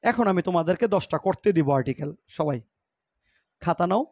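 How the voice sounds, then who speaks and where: This man from Bangladesh speaks in a high, animated, darkish voice at a moderate pace, recorded lo-fi with no room sound. With a Bangladeshi accent, he teaches an English grammar class in Bengali mixed with English words and example sentences, questioning students and repeating answers.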